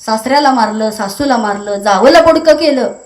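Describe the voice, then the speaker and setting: A woman preacher giving a devotional kirtan sermon, telling a lively story and breaking into chanted verses. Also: a little high, normal speed, reverberant.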